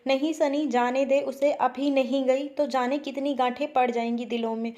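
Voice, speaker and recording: A woman's voice: high voice, steady tone, moderate pace, a little mellow, lightly acted. A woman reading as a stern, loving older mother. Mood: advising.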